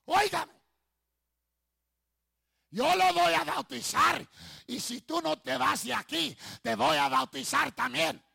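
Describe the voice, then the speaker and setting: A man preaching a sermon, playing a fed-up male pastor who shouts commands at a demon. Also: extremely high pitch, fairly even intonation, slow, vocal fry, no room sound, clean studio sound, pitched above the performer's own voice, heavily acted. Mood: commanding. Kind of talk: sermon storytelling.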